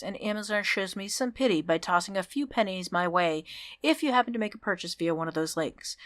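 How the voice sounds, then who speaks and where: A woman hosting her own podcast, chatting casually and upbeat through thanks and shout-outs, with ums and restarts. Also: mid-range voice, no echo, studio quality. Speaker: podcast host.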